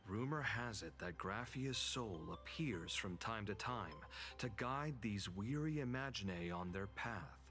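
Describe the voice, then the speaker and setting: A composed male guide in a video game, his voice sitting low as he lays out old lore in a measured, patient way. Faint background music runs beneath the game dialogue. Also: lively intonation, sharp tone. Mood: solemn. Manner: measured, explanatory storytelling. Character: calm male guide of an artists' retreat. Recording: game audio with music underneath.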